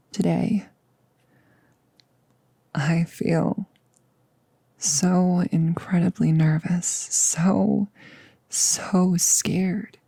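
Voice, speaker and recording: This intimate ASMR audio roleplay is recorded close and dry with no room sound, as a performer voices a nervous girlfriend confiding before turning into a vampire and cracking jokes to mask her nerves. The medium-pitched, mellow voice is creaky and exaggerated, with a breathy edge. She speaks slowly and haltingly in a confessional way, dropping into whispers, sounding nervous yet resolute.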